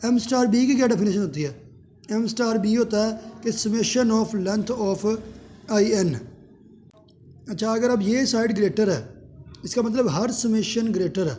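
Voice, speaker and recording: Guy teaching a math class, kinda high voice but mellow, asks stuff then answers it himself. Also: a little slow, slight background noise. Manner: poses questions and answers them himself. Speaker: math lecturer. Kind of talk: classroom lecture.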